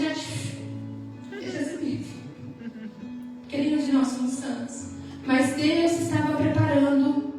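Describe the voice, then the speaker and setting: A Brazilian woman with a Brazilian Portuguese accent, giving an emotional church testimony in a sing-song preaching manner and acting out dialogue. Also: high voice. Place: church hall. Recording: echoey hall from far off, music behind.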